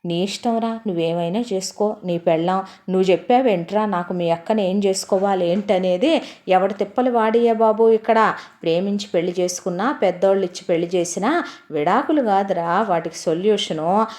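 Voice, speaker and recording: A woman voicing a young man who gives his friend casual advice on marriage in a relaxed tone. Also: medium pitch, fairly quick, lightly acted. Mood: advising. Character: easygoing young brother-in-law giving advice.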